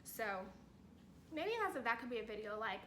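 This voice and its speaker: Chatty young woman vlogging, bright voice. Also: on the high side, animated, normal speed, a little hiss or hum, low-quality recording. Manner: chatty, rambling, many fillers. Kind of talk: casual chat to camera.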